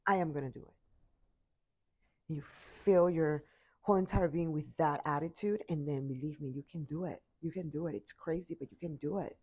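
A woman's voice: low-pitched, moderate pace, darkish tone, husky. A tired woman giving an earnest, repetitive motivational talk into her computer mic.

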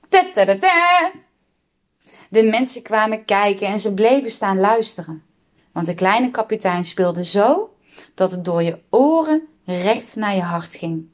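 Woman reading a children's book aloud. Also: mid-range voice. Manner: expressive, voices the characters. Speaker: reader.

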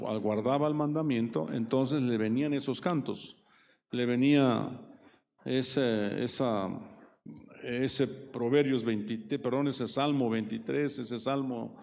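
Man, preacher, Bible study sermon, gravelly voice, long hall reverb, self-correcting, tag questions. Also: medium pitch, a little mellow. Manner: frequent tag questions and self-corrections, leans into quoted verses. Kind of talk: Bible study sermon, reading and explaining scripture.

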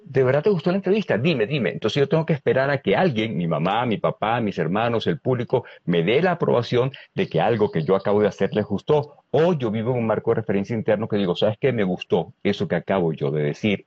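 Venezuelan man, lively speaker, husky and low, dry dull recording. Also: dry recording. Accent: Venezuelan Spanish. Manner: lively, asks many rhetorical questions. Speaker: guest speaker on emotional intelligence. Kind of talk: animated explanatory talk with rhetorical questions.

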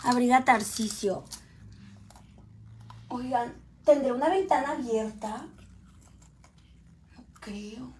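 A woman's voice: fairly high pitch, takes it slowly, pauses often, darkish tone. A woman, chatting casually on a live stream from home, reading viewer comments aloud while she eats. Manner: chatty, reads viewer comments aloud, tends a small child. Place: home, at a meal.

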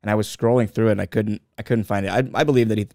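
Lower-voiced dude cohosting, blunt, curses a lot, dry close mic. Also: male voice, rapid-fire, creaky, no echo. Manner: blunt, swears freely, animated retelling. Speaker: podcast co-host. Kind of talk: casual chat.

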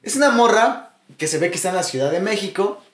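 A man with a Mexican accent co-hosting a casual podcast, slangy and quick to laugh along. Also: sits high, lively intonation, echoey room, a crowd in the background. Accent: Mexican Spanish. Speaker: podcast co-host. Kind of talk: casual chat.

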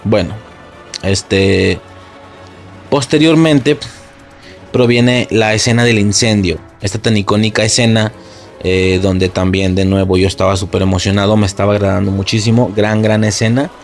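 Excitable Mexican man recapping a film. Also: fairly low pitch, moderate pace, faint music behind. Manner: excitable, heavy slang and swearing. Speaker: podcast host. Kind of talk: casual film recap monologue.

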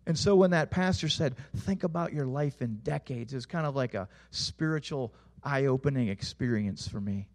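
Speaking at normal speed with few pauses, a young adult man preaches a sermon as a pastor. He sounds earnest, addresses questions to the listeners, and lets his voice settle low at phrase endings.

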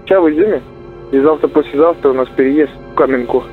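A man's voice: on the high side, fast talker, soft background music. A young Russian man, a soldier calling home, venting casually and swearing constantly over a radio-like phone intercept. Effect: voice heard over a radio-like phone intercept. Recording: muffled narrowband intercepted phone call.

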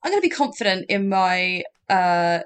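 Lively excitable woman podcast co-host. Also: medium pitch, normal speed, clean tone. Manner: excitable, swears, gasps and laughs. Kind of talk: casual podcast chat.

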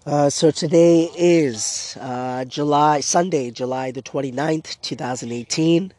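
A Canadian man hosts his own solo podcast outdoors in his backyard, talking casually and rambling with many fillers and restarts. His voice is on the high side with a darkish tone and a measured pace, and he's losing it to a sore throat. Intro music plays behind him, with slight background noise.

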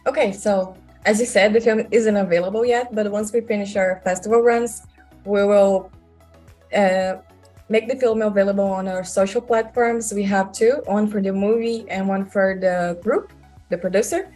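Brazilian woman filmmaker, mid-pitched, over music. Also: steady tone, moderate pace, darkish tone. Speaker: guest filmmaker. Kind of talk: conversational interview answers.

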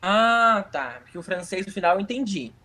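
A young man, chatting casually in a lively, playful way. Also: sits high, moderate pace. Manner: animated, playful, lots of slang fillers. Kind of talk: casual chat.

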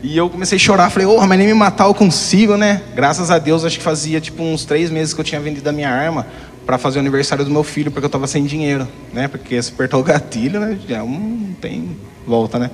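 This is a frank, rambling personal testimony from a young man appearing as a guest, peppered with tag questions. His voice is fairly high and he speaks quickly, recorded with hall reverb.

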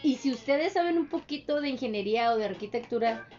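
High-voiced woman chatting. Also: expressive, a little mellow, muffled recording, faint music behind. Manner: chatty, acts out neighbors' lines in quick voices. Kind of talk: casual chat.

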